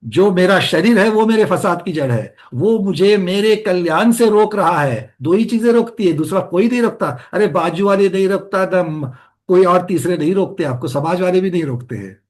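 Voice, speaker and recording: A man's voice: high-pitched, lively intonation, moderate pace, hardly any pauses. A man leading an interactive religious study lesson, questioning his students and explaining with rhetorical questions. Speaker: teacher of a scripture study class.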